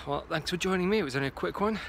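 A man's voice: high-pitched, very fast, gravelly, a bit bright, slight background noise. A man in his forties chatting casually to a phone camera while walking around his garden allotment, muttering to himself as he checks on things. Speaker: vlogger. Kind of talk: casual walk-and-talk vlog. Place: outdoor garden allotment at dusk. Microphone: phone camera at arm's length.

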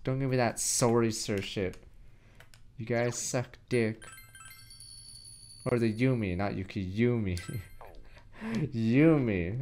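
A man's voice: mid-range voice, a little hiss or hum. Brash, profane young man streaming a game. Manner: profane, mocking and excitable, yelling at chat. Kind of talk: live game commentary reading dialogue aloud. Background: faint game music.

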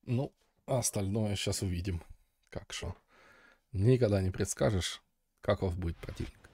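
Gravelly low-voiced man, casual gameplay commentary. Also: moderate pace, dark tone, dry recording, clean studio sound. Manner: muttering, offhand, short fragmented remarks. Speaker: gamer, video host. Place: voice-over on game footage.

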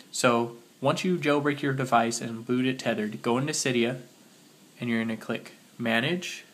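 A man's voice: medium pitch, fairly bright tone. A man with a mid-range voice hosts a casual how-to for a phone. He sounds sick and slightly muffled. He talks while he works, going step by step and carefully spelling things out. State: sick with a cold. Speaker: tutorial host.

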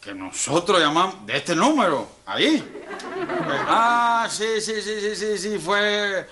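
A man with a Cuban accent playing an excitable, bossy old man in a TV comedy sketch, fretting and exclaiming often. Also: high voice, slow pace, a crowd in the background, background noise, full character voice. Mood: flustered fussing. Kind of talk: TV sitcom acting.

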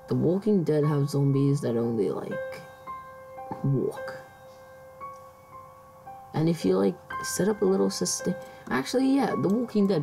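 A woman's voice: deep voice, gravelly. A woman vlogger musing aloud in casual chat, hesitant, with many restarts.

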